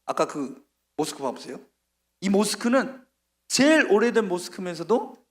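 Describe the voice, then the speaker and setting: A middle-aged male missionary preaches a sermon, acting out the story with animated voices. His voice is high-pitched.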